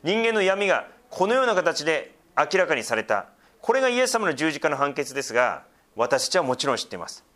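A man's voice: fairly high pitch, very animated, fairly quick, hardly any pauses, fairly bright tone. A middle-aged male pastor giving a sermon, explaining scripture with frequent asides and a conversational, teaching tone.

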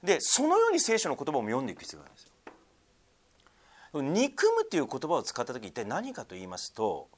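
Male pastor, mid-pitched, very lively intonation, conversational sermon with fillers. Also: fast. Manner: lively swings in pitch and loudness, many fillers, asks congregation.

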